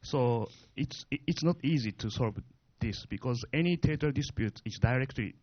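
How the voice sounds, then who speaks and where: Hesitant correspondent asking a question. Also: male voice, medium pitch, normal speed, no room sound. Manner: hesitant, many fillers. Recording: dull lo-fi sound, dry.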